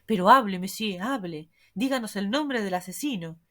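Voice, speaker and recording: A woman's voice: medium pitch, expressive, normal speed, close to an everyday voice. Woman reading a stern judge guy, grave, kinda threatening. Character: stern older male court president. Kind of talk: audiobook reading.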